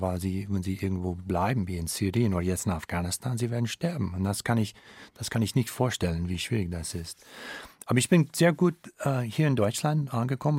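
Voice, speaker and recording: A middle-aged American man, a studio guest and veteran, speaking halting, searching German with an American accent in a radio interview. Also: sits low, darkish tone, slightly rough, dry recording. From United States. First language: English. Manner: searching, halting non-native German with restarts. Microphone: studio microphone.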